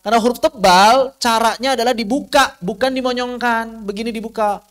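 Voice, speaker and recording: A man's voice: very high voice, steady tone, brisk, a bit bright. A man with an Indonesian accent teaching Arabic pronunciation as a Quran teacher, over-enunciating and drawing out sounds to demonstrate. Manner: instructive, with repeated examples and rhetorical questions. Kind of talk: live lesson on Arabic pronunciation.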